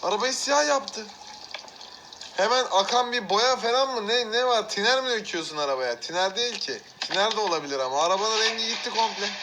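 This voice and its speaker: High-voiced excitable man reacting to clips. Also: brisk, noisy background. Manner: excitable, laughs often, exclaims at clips. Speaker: reaction video host. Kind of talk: casual reaction commentary.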